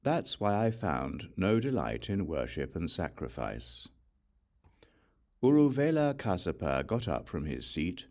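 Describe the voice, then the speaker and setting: A man reads scripture as scripted audiobook narration, using a measured, deliberate storytelling delivery. His voice sits low with a darkish tone.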